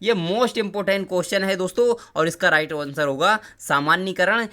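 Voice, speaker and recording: A man's voice: high voice, a little slow, pushed and bright. A young man teaching an exam-prep lesson on a live stream, quizzing viewers and urging them again and again to comment their answers. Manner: coaxing, repeats phrases, keeps urging viewers to comment.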